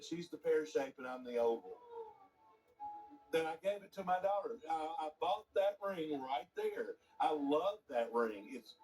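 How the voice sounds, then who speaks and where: Man, shopping-channel host and gemologist, pitch a bit high, upbeat sales patter, mic slightly distant, faint music underneath. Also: a little mellow. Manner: enthusiastic, chatty salesman patter. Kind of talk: live home shopping presentation.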